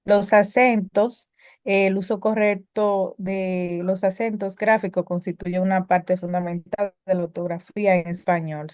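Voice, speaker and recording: A woman's voice: on the low side, darkish tone, no room sound, clean studio sound. A woman teaching a spelling lesson, reading prepared explanations with occasional filler sounds and self-corrections.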